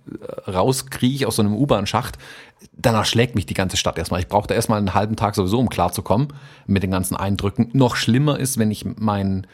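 A man's voice: lowish voice, darkish tone. A man co-hosting a podcast, talking casually and thoughtfully about photography workshops, with many fillers and restarts.

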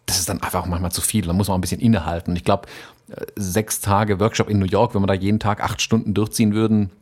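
A man's voice: lowish voice, level tone, fast talker, a little mellow. A man co-hosting a podcast, talking casually and thoughtfully about photography workshops, with many fillers and restarts.

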